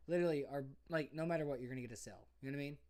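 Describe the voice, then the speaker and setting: A man's voice: a little high, rapid-fire, dark tone. A young man chatting loosely on a podcast, circling back and repeating his points. He talks in casual slang, often throwing in "bro" and "you know what I mean". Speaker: podcast co-host. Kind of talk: casual drunken chat.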